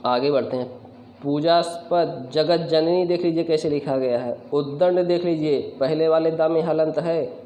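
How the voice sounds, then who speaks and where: A man's voice: fairly high pitch, moderate pace, mellow. Man teaching spelling in an echoey room. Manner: corrective, addresses viewers as friend. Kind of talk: spelling lesson to camera. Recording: echoey room, faint background noise.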